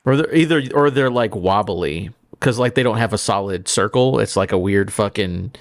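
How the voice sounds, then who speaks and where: A man's voice: fairly low pitch, normal speed, no room sound, clean studio sound. A man co-hosting a podcast, rambling casually and swearing freely. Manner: rambling, profane. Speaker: podcast co-host. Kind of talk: casual chat.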